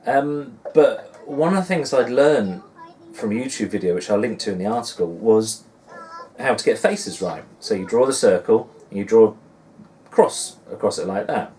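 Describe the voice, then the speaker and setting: A man's voice: fairly low pitch, lively intonation, moderate pace, warm tone. Man, forties, Suffolk English accent, casual rambling vlog, self-deprecating, distant mic, slight background noise. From Suffolk, England. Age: 40s. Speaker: dad blogger and vlogger.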